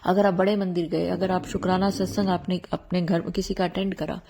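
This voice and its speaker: A woman's voice: lowish voice, level tone, a little fast, background noise. A middle-aged woman hosting a devotional channel, talking earnestly and pleading with her followers.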